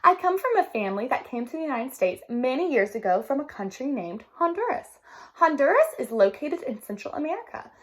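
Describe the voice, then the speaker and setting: A woman's voice: high-pitched, sing-song, fairly quick. A woman voicing a shy young schoolgirl in a storybook read-aloud. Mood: nervous proud. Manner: upset, pleading.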